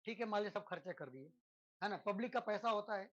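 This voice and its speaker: A man's voice: high voice, animated, quick pace, a bit bright, dull audio. A man teaching a physics lesson to students in a conversational lecture style, constantly checking in with tag questions and using rhetorical questions and everyday examples. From India.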